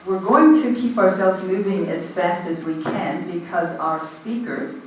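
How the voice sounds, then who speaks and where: An Australian man chairs a community meeting in place of the president, using a handheld microphone in a large, very echoey hall, recorded from some distance. His voice is a little high for a man, with faint room hiss beneath it. He speaks loudly, informally and unhurriedly, hesitating with lots of ums and uhs.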